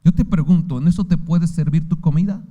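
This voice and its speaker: A man's voice: a little high, fairly quick, dark tone, highs cut off. A man with a Mexican accent preaching a sermon as pastor, firing rhetorical questions at his listeners with fervor. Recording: long hall reverb.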